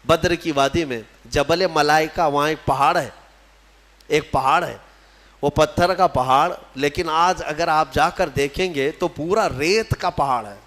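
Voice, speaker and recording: Impassioned male preacher, higher voice. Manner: impassioned storytelling, rising to loud declamation; recites scripture in slow chant. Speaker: Islamic preacher. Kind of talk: sermon.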